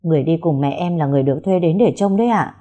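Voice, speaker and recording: A woman voicing a desperate young woman held captive by her family, speaking in a hushed, pleading way. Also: deep voice, racing.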